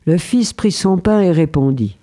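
A man narrating a fairy tale in a calm, measured storytelling manner. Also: high voice.

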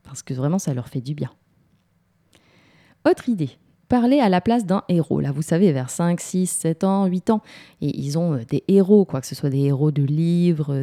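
A woman in her thirties giving parenting advice in a relaxed, hesitant way with many pauses. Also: low-pitched. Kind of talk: casual advice talk.

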